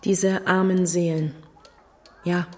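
In a German audio drama, a woman plays a stern yet kindly middle-aged orphanage matron, grave, sorrowful and formal. Her voice is fairly low in pitch, level in tone and slow.

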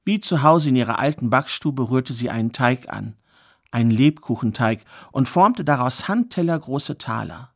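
A man telling a fairy tale aloud, in a measured, expressive way with pauses for effect. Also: medium pitch, creaky. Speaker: storyteller. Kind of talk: oral fairy tale storytelling.

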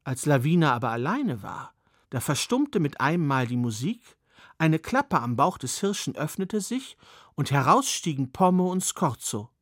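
A man's voice: a little high, big pitch swings, normal speed, no echo, studio quality. A man telling a fairy tale in a personal storytelling manner with occasional asides.

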